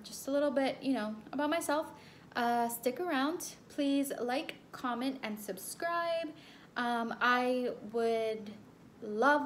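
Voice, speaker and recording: A woman's voice: fairly high pitch, a little hiss or hum. Chatty young woman vlogger, rambling. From El Salvador. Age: young adult. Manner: chatty, rambling, many ums and repeated phrases. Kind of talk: casual storytelling to camera.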